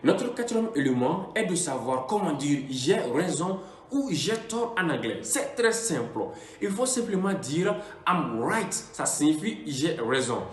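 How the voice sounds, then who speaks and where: A man teaching an English lesson in French, explaining each phrase and repeating the example words slowly and deliberately. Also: a little high, very animated, echoey room.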